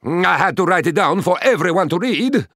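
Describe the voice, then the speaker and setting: A man's voice: high-pitched, moderate pace, no room sound, studio quality, exaggerated voice. A man playing an elderly male astronomer who narrates his own life in a chatty, cheeky children's story. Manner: chatty and cheeky, with lively asides. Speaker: first-person narrator.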